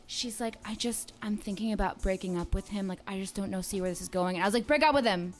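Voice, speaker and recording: Animated storyteller woman in her thirties. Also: mid-range voice, fast, soft background music. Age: 30s. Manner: animated, acts out quoted dialogue. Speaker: streamer's girlfriend, guest. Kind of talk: casual storytelling on a livestream.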